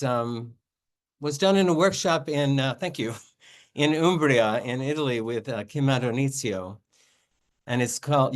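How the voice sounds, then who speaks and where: A man reading his own poems at a literary reading, with casual spoken introductions between them. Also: mid-range voice. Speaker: poet reading own work.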